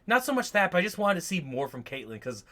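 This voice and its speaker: A man's voice: sits high, sing-song, fast talker, pushed and bright. A man co-hosting a casual reaction chat, rambling, swearing freely and often restarting his sentences. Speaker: podcast co-host.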